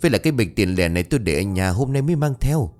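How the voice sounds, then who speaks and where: A man doing a hushed, worried village wife. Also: on the low side, sing-song, racing, soft background music. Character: frightened hushed village wife selling noodles.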